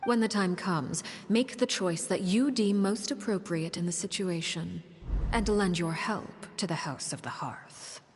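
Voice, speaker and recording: Stern, commanding house matriarch, some rumble behind. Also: female voice. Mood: grave, measured. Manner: formal, measured, authoritative. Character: stern, composed woman head of an orphanage house, commanding. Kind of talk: dramatic video game acting.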